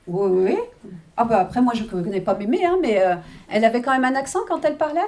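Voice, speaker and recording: A woman with a slightly high, expressive, somewhat mellow voice talks fast. She's a medium at a live reading, chatting with the audience, laughing often and constantly checking in with "hein" and "d'accord."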